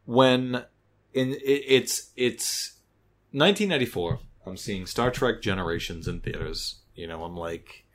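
Man, thirties, low voice, podcast host, animated casual talk, swears freely. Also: unhurried. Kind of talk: casual chat.

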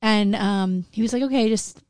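A woman's voice: medium pitch, moderate pace, smooth, no room sound. A middle-aged woman co-hosting a podcast in casual, candid chat, blunt and sweary, her throat strained from screaming all day. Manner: blunt, profane, uses "like" constantly. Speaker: podcast co-host.

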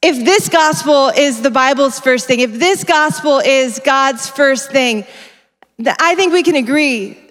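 This conference speaker, a woman whose voice sits fairly high, delivers her sermon a little slowly while faint music plays behind her. She is lively and conversational, often stopping to correct herself partway through a sentence. A big hall's long reverb colors her stage mic.

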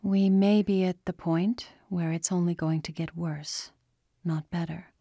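Measured female doctor, low and slow, read by a woman. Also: fairly even intonation, no room sound, clean studio sound. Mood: clinical. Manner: measured, softening. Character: female doctor, professional then gentle.

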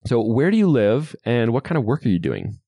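The tech podcast host, opinionated and conversational, adds lively emphasis as he discusses programming. He has a medium-pitched voice and a slightly fast pace, with no room sound in the recording.

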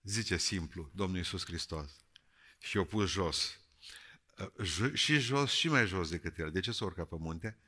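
A man with a deep but bright, cutting voice preaches a sermon to a congregation. He jokes and teases, rising to loud calls and dropping to quiet, earnest words. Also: breathy edge. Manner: lively, jokey, swings between shouting and quiet.

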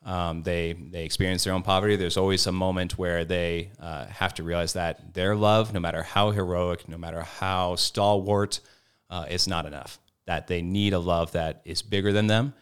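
Deep-voiced man, thoughtful and searching. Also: fairly even intonation, moderate pace, clear, resonant tone. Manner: thoughtful, searching, many fillers and restarts. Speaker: formator on a podcast panel. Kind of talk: reflective conversational answers.

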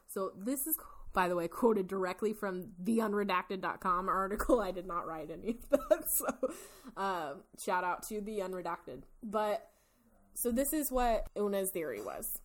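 A woman with a mid-pitched voice hosts a true-crime podcast. She moves between reading notes and loose, giggly chat, with the odd swear word. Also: expressive, moderate pace. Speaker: podcast host. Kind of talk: casual true-crime storytelling, partly read from notes.

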